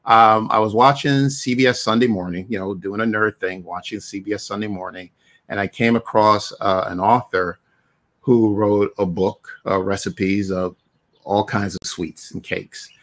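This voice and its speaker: The podcast host, a middle-aged Barbadian man, chats in a laid-back way over a video call, leaning on "you know" as a filler. The setting is a home room with shelves of figures. He speaks at normal speed in a fairly low, steady, slightly bright voice.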